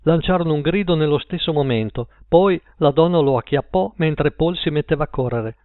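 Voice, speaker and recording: A man narrating a story aloud in a measured storytelling manner. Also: fairly high pitch, no room sound. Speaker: audiobook narrator. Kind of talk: scripted narration. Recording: tinny phone-like line, dry.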